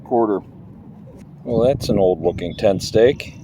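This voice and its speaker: A man's voice: fairly low pitch, unhurried, noisy background. Chatty man calling out finds outdoors. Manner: excitable, chatty, calls out finds. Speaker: metal detecting vlogger. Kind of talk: casual vlog narration while detecting. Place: public park outdoors.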